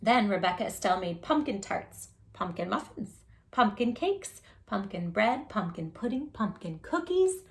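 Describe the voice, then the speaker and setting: Reading a picture book aloud at a measured pace, this storytime host has a medium-pitched voice. She speaks to the children directly, keeping things playful, animated, and expressive.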